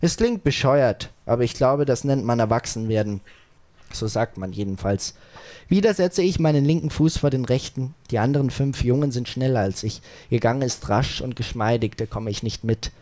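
A man reads a first-person audiobook aloud in a calm, measured way. His voice sits in an ordinary middle pitch. He moves through the story in short phrases with small pauses between them. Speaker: audiobook narrator.

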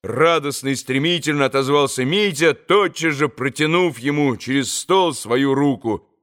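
A man narrating a classic novel as an audiobook, in a measured, expressive storytelling manner. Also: medium pitch. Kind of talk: scripted literary narration.

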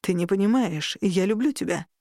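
A woman playing a young male incubus in an audiobook. He is possessive yet pleading and speaks low, soft and insistent. The recording is dry and close, with no room sound. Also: normal speed, no echo, natural voice. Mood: hushed firm.

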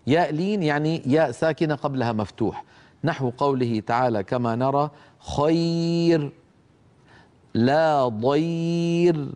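A middle-aged man with a medium-pitched, darkish voice teaches the rules of Quran recitation by explaining a didactic poem. He asks his students questions and recites example words in a slow, drawn-out way.

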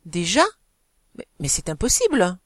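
A woman's voice: fairly low pitch, very animated, moderate pace, no room sound, clean studio sound. A woman voicing a distraught young wife who speaks in a feverish, anguished way. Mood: alarmed.

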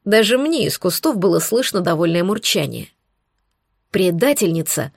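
A woman's voice: lowish voice, sing-song, a little fast, gravelly, no room sound, clean studio sound. Woman narrating a wry fantasy audiobook. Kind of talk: scripted narration.

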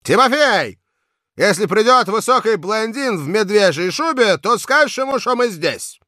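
A man voicing a loud, rowdy drunken hotel reveler in an audiobook, bellowing orders. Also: very high-pitched, lively intonation, takes it slowly, no room sound, studio quality, voice pushed up, heavily acted. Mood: boisterous. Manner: bellowing, boisterous. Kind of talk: audiobook character voice.

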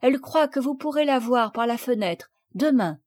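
A woman reading aloud and voicing an eager young girl who has been ill, with bright, pleading calls. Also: high voice, expressive, normal speed. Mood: earnest.

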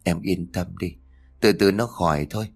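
A gentle older sister voiced by a man speaks quietly to comfort. The voice is low and soft. It is part of a read-aloud story. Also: moderate pace, creaky, husky, faint music behind, full character voice. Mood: soothing.

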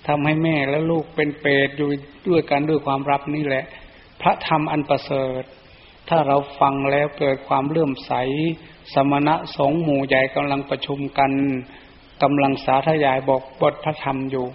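A monk voicing a devout mother ghost soothing her children, in a soft pleading way. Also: fairly high pitch, flat delivery, moderate pace, lightly acted. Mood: tender, pleading. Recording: echoey dull lo-fi recording.

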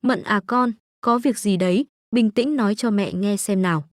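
A weary, tender country mother, read out by a woman narrator. She speaks soothingly and sadly, in a slightly deeper, softer voice. The sound is close and dry. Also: moderate pace, no echo, natural voice. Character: weary, loving middle-aged rural mother.

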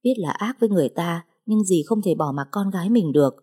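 A woman's voice: on the low side, expressive, quick pace, mellow, slightly rough. A woman voicing a desperate middle-aged mother who pleads and insists, in an audiobook. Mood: pleading. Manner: imploring, insistent.

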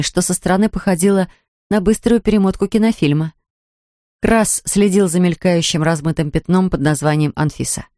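A woman narrating a fairy-tale audiobook in an even, measured way. Her voice sits fairly low and the recording is dry and close. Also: dry recording. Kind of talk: scripted narration.

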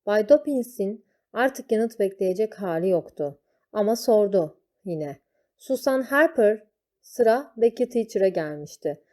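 A woman reading a children's story aloud, slow and deliberate. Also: medium pitch, animated, warm tone.

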